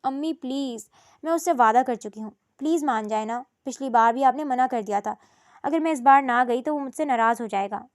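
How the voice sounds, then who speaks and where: A woman voicing a gentle young daughter who coaxes and pleads softly in a storybook reading. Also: high voice, clean tone, dry recording, clean studio sound, lightly acted. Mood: pleading.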